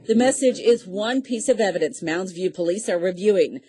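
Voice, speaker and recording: An American woman narrates a television news report as its reporter. Her voice sits at a middle pitch, and she delivers scripted lines in a broadcast news style. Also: animated, moderate pace, mellow, husky, dry recording.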